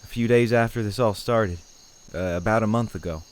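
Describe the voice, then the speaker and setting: In an audio horror drama, a man with a lowish, natural voice and fairly quick pace plays a troubled, plain-spoken farmer who sounds hesitant, folksy and understated. The mood is grim and resigned, with insect-like ambient noise behind the dialogue.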